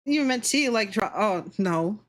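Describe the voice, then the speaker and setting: Her voice is mid-range with lively intonation and a normal speed. As a streamer and VTuber, she draws while casually bantering with chat, giggly, teasing, and quick to swear.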